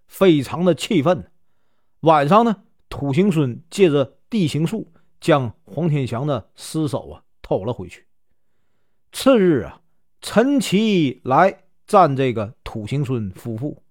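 A man from Northeast China with a Northeastern Mandarin accent retells an old legend in a relaxed, chatty storytelling voice. His pitch sits somewhat high and rises and falls widely, and he draws out filler particles between phrases. The recording is dry and close. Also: no room sound. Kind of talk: casual storytelling of a classic novel.

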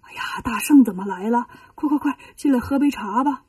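A woman voicing a flustered old dragon king in a children's storybook, his voice mellow and breathy and set a little back from the mic. He fusses and pleads, half in a whisper, and drops low with age. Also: fairly quick, dry recording, far from the mic. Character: elderly male dragon king, timid and flustered.

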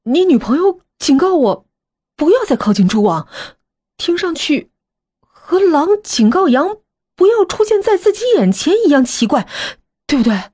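A woman's voice: high voice, sing-song, moderate pace, warm tone, voice pushed up. A woman doing a blunt, needling young man. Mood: mocking.

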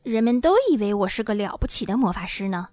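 A woman voicing a timid little old man who pretends to be a great wizard, speaking in a hushed, pleading way. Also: mid-range voice, quick pace, no echo, lightly acted.

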